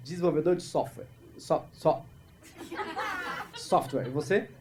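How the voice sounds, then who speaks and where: A man from Brazil doing improvised stand-up crowd work, talking fast and teasing the audience on a club stage. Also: fairly high pitch. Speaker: stand-up comedian. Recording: live club recording with audible crowd noise.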